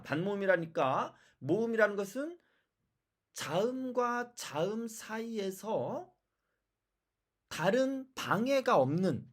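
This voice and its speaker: A language teacher giving a pronunciation lesson, explaining step by step and repeating example words slowly. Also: medium pitch. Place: lives in China.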